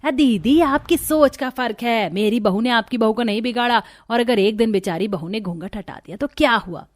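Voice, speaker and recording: A woman voicing a calm, reasonable older relative in a cartoon, gently reasoning with her sister. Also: a little high, normal speed, natural voice. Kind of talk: cartoon dubbing.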